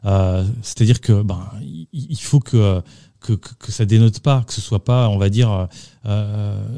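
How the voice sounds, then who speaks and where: A man, a pop singer, answers interview questions on the radio in a halting way, full of fillers and restarts. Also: fairly low pitch, creaky, warm tone, no room sound, studio quality. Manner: hesitant, lots of fillers and restarts. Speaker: singer and musician guest.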